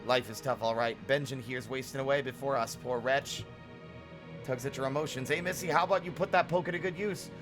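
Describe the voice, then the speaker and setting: A man voicing a gruff, rustic male bug villager in a video game, talking in a blunt folksy dialect. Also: mid-range voice, steady tone, fairly quick, natural voice. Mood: grumbling. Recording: game music behind.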